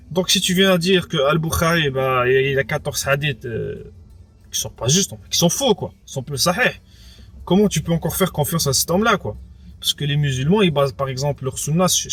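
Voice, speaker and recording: A young French interviewee with Moroccan roots, who also has Arabic as a first language, recounts his story casually a little fast, with faint music behind. His voice is on the high side, fairly bright with a breathy edge, and he hesitates, repeats words and leans on "entre guillemets" and "quoi".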